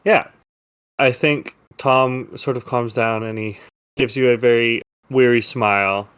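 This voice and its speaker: A man's voice: mid-range voice, a little slow, smooth. A man running a tabletop game as game master, narrating and explaining rolls in a loose, rambling way. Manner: relaxed, rambling, laughs easily.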